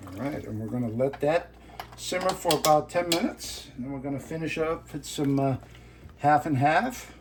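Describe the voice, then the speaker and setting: A middle-aged man with an Austrian accent, a chef walking through a cooking demonstration in a relaxed, instructive way with many "uh" fillers. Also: on the high side, normal speed. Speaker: guest chef. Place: home kitchen. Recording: echoey kitchen from far off, faint hiss.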